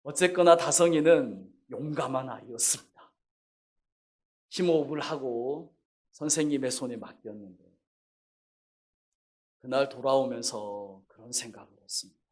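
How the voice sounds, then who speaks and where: A middle-aged male pastor telling a family story in a sermon, building to impassioned shouted questions. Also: mid-range voice, moderate pace, long pauses. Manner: acts out quoted people in his stories.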